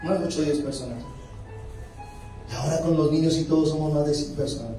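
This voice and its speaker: A male pastor with a Colombian accent preaching a lively sermon, rising to loud exclamations and slowing down for emphasis. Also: on the high side, distant mic. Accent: Colombian Spanish. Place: church hall. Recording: echoey church hall, mic from afar, music underneath.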